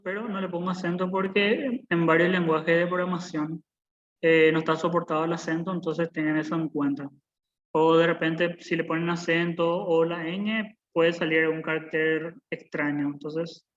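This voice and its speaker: During a live online coding class on a lo-fi video call, a young man in his twenties speaks at a moderate pace. His voice is on the high side, steady and a bit bright. He's a patient instructor who repeats himself and often asks his students "¿verdad?".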